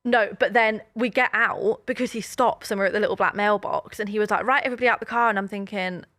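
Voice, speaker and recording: A woman's voice: medium pitch, steady tone, fairly quick, a bit bright, dry recording. A woman in her twenties, co-hosting a podcast and telling stories in a chatty, rambling way full of fillers. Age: 20s. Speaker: podcast co-host. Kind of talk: casual chat.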